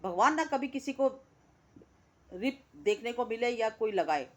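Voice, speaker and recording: A woman's voice: a little high, expressive, measured pace. A woman giving an indignant, scolding reaction commentary, repeating words for emphasis. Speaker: reaction vlogger.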